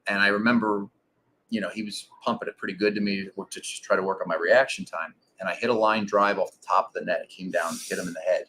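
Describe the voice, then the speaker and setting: A man in his forties, a former pro ballplayer, telling stories in a relaxed interview with lots of fillers. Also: low-pitched, quick pace, a little hiss or hum. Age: 40s. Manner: relaxed storytelling with many fillers. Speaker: guest, former pro baseball pitcher. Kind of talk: casual interview.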